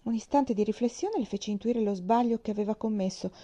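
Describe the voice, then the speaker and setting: A woman reading a classic novel aloud as audiobook narration, calm and measured. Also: on the high side. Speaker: audiobook reader.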